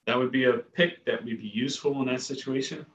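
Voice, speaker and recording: A man's voice: mid-range voice, fairly quick, background noise. A man co-hosting a casual sports podcast, giving plain, firm opinions. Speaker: podcast co-host. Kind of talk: casual fantasy football chat.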